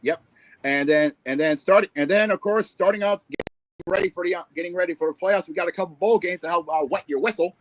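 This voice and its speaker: A man's voice: high voice, fast, no echo, low-quality recording. A man co-hosting a sports podcast in casual chat, rambling with many restarts and fillers. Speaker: podcast co-host.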